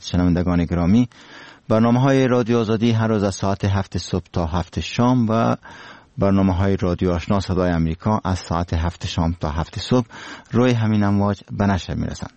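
A man's voice: on the low side, darkish tone, dry recording. A man with an Afghan accent presenting scripted radio news and introducing programme segments.

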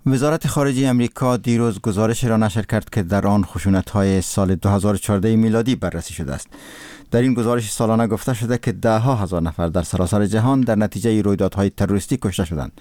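A man presenting radio news in a measured, formal read. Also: lowish voice, warm tone, no echo.

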